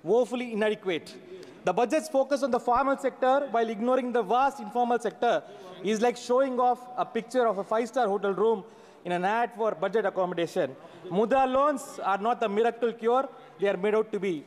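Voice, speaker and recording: A man in his forties, a member of parliament, gives a sarcastic budget speech in a large chamber, reading from notes and gesturing with his hands. His voice is very high-pitched and fairly quick, picked up by a fixed desk microphone with long chamber reverb.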